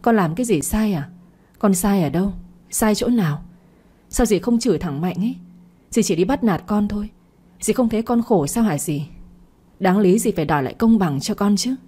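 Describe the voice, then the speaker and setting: A woman's voice: medium pitch, lively intonation, moderate pace, mellow, breathy edge. A woman reading a hurt, defiant young girl. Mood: protesting. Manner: choked, pleading protest. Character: eighteen-year-old girl, hurt and defiant.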